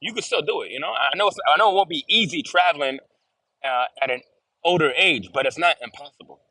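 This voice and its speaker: In a dry recording, this man's voice sits on the high side, fast, bright, expressive and forceful. He's an earnest interview guest in a relaxed video-call chat who often restarts and repeats what he's saying.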